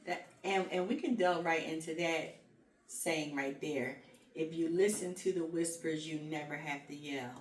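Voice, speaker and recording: Low-voiced woman in earnest chat. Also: steady tone. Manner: earnest, repeats points slowly with fillers. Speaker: podcast co-host. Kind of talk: casual advice chat. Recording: echoey room, mic at a distance, faint noise.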